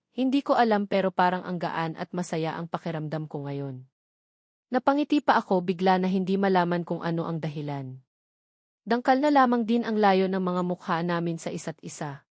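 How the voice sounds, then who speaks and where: With a Filipino accent and a fairly low voice, a woman narrates a scripted first-person romance story as an audiobook. The recording is dry and clean, with studio quality.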